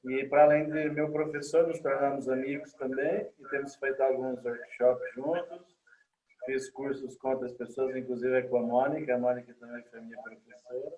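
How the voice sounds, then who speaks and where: A man's voice: medium pitch, fairly even intonation, moderate pace, mellow, muffled recording. Casual intro: man, holistic therapist, easygoing video-call chat. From Lisbon, Portugal. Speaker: holistic therapist, workshop participant.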